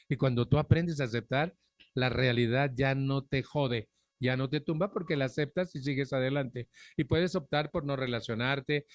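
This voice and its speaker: A middle-aged man with a Mexican Spanish accent gives a frank testimony at a recovery group gathering. His voice sits at an ordinary male pitch and is recorded close and dry on a stand mic. He talks bluntly and earthily and keeps turning to the audience with questions. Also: no room sound. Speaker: speaker at a recovery group anniversary. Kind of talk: personal testimony talk to an audience. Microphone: microphone on a stand.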